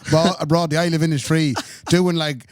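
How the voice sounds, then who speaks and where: Higher-pitched west of Ireland man, jokey. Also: flat delivery, brisk, dry recording, studio quality. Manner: rambling, jokey. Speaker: podcast co-host. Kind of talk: casual bantering chat.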